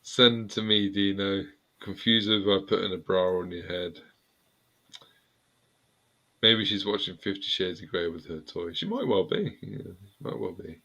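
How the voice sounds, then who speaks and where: Bright, jokey man hosting a stream. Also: low-pitched, lively intonation, measured pace, vocal fry, lo-fi sound. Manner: jokey, laughs often. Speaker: host of a live stream. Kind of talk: casual live-stream banter. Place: home room near a staircase.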